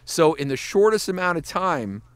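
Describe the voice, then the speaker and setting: A man who works as a voice actor and animator gives casual podcast advice in a slightly high, sing-song voice at normal speed. He swears freely and keeps breaking into voice demonstrations, and his tone is clean.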